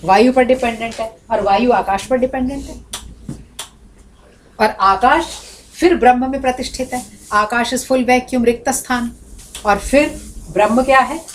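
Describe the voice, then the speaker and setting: A woman with a fairly high voice gives a classroom lecture, explaining ideas and acting out little spoken examples to make her point. A faint hum of room noise sits under her voice. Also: a little slow. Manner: explanatory, switches into demonstrative examples and recitation. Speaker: Sanskrit teacher.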